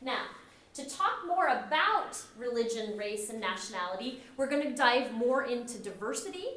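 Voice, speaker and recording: A middle-aged American woman gives a recorded classroom lecture in an echoey room, speaking animatedly at a moderate pace in a slightly high, somewhat bright voice. Her style is conversational, and she often acts out the remarks she quotes.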